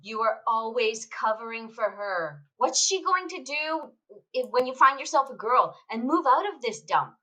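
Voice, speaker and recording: Woman doing a crass nagging mom, ex-barmaid, bright voice, slow and dragging, always sarcastic. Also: fairly high pitch, expressive, rough recording. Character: bitter, crass middle-aged mother, ex-barmaid. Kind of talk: student radio play acting.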